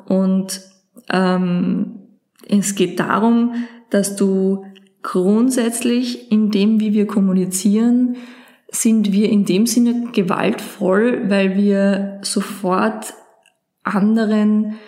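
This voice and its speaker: A woman's voice: mid-range voice, fairly even intonation, takes it slowly, warm tone, echoey room. A woman explaining a book in a casual chat, searching for words with many fillers. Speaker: podcast co-host presenting a book.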